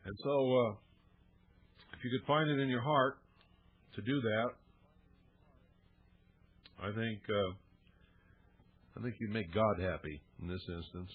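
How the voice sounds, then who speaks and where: A man's voice: fairly low pitch, measured pace, pauses often, breathy edge. A man hosting a radio talk show, making an earnest, heartfelt appeal with folksy fillers. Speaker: radio host. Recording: narrow phone-like radio audio.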